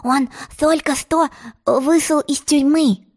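A woman voicing a nosy, quick-tempered male messenger in a storybook. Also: high-pitched, fairly even intonation, voice pushed up. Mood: gossipy. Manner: pushy, prying, quick-tempered. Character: bossy chatty male royal messenger. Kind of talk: storybook narration.

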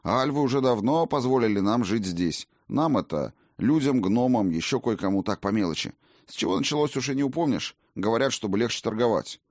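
A man voicing a portly, fawning male innkeeper who talks in a hurried, effusive way. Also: mid-range voice, animated, a little mellow, no room sound, studio quality, pitched above the performer's own voice, lightly acted.

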